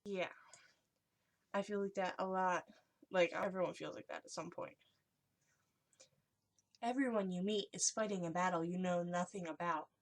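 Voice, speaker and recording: Young woman vlogger in a hushed, whispery voice. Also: lowish voice, moderate pace, pauses often. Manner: hushed, whispery delivery, as if sharing secrets. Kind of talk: casual chat, reading and reacting to short messages.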